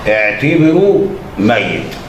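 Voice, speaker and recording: Brief: a man playing a gruff thug, blunt and menacing. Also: fairly low pitch, big pitch swings, takes it slowly. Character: rough hired thug, greedy for money. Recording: very echoey room, noisy.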